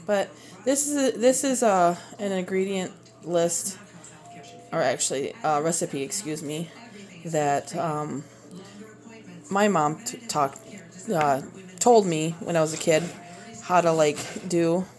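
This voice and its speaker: A homeschooling mom and cooking vlogger in her thirties, with a Minnesota accent, chops vegetables in her home kitchen for a casual cooking video filmed on a phone propped on the counter. Her voice is on the low side with a darkish tone, and she rambles hesitantly with many fillers over faint background music.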